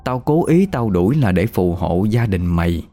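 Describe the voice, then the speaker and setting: A man's voice: lowish voice, sing-song, moderate pace, dark tone, soft background music. A man voicing a scornful old male ghost who scolds bluntly. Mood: scolding.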